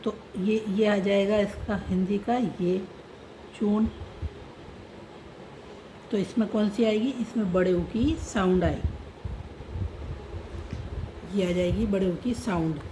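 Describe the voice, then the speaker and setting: A woman's voice: medium pitch, measured pace, long pauses, warm tone, slight background noise, low-quality recording. A woman teaching how to read and write a script, spelling out letters and sounds patiently. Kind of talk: slow script lesson.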